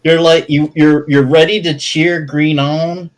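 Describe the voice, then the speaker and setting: A man's voice: fairly high pitch, flat delivery, unhurried, low-quality recording. A man running a tabletop game as game master, narrating hesitantly with many fillers and restarts.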